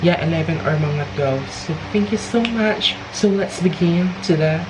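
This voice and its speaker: Low-voiced woman vlogger over fan noise. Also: unhurried. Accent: Filipino. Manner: informal, chatty, code-switching. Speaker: beauty vlogger. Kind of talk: casual makeup tutorial chat. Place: small hot bedroom. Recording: steady electric fan noise. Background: electric fan running nearby.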